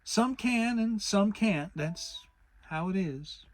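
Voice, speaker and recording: A storybook reader voicing a gentle, earnest, slow-witted bear with a halting, deliberate manner. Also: mid-range voice, lively intonation, pitched above the performer's own voice. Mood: hesitant. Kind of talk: dramatic children's storybook reading.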